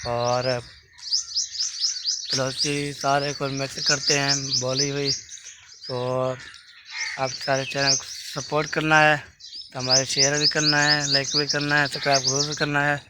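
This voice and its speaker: A Pakistani man with a Pakistani accent, talking fast and rambling as he vlogs from his village. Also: mid-range voice, little pitch movement. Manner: fast, rambling, says he talks fast. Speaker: village vlogger. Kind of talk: casual vlog narration. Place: rural village outdoors. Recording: noisy outdoor recording, birds. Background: birds and outdoor ambience.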